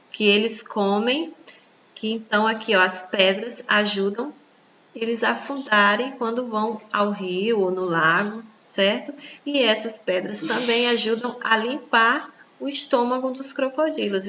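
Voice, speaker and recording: A Brazilian Portuguese woman teaching children in a recorded online lesson, slow and patient, pointing things out on the page. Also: fairly high pitch, sharp tone, lo-fi sound, slight background noise. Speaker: primary school teacher.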